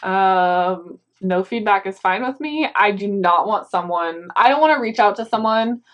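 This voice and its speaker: A chatty young woman answers viewer questions in an easygoing, conversational way. She explains as she goes, sprinkling in frequent yeahs and ums, at a middle pitch. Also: animated, measured pace, dull audio. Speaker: co-host of a reselling channel.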